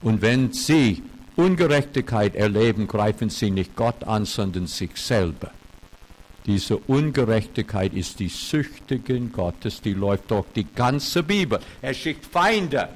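Old retired pastor preaching, German. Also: male voice, fairly low pitch, unhurried, poor audio. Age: 70s. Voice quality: non-native German with grammar slips. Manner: animated preaching with sudden loud emphatic peaks and wry humor. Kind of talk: sermon.

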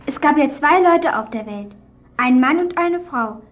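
A woman's voice: sits high, animated, measured pace. A woman acting an eager young girl who chimes into a story in a children's radio play. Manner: eager, interrupting.

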